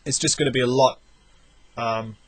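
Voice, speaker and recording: A young man, not from the United States, commentating a video game as he plays, thinking out loud with lots of energy. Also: mid-range voice, normal speed. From outside the United States. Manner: animated, thinks aloud while playing. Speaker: let's play commentator. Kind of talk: gameplay commentary.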